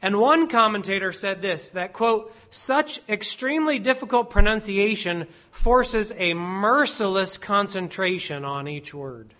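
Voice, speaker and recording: A man preaching an expository sermon, slow and deliberate, stressing each word as he reads out Hebrew and Latin phrases. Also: sits high, animated, sharp tone.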